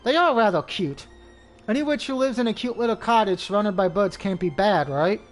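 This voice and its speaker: A man's voice: sits high, expressive, a little fast, faint music behind. A man reading the lines of a proud, self-assured young female knight in a game.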